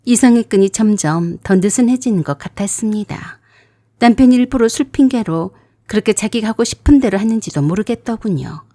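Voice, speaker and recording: A woman narrating a radio drama story in a measured, calm way. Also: mid-range voice, no echo, clean studio sound.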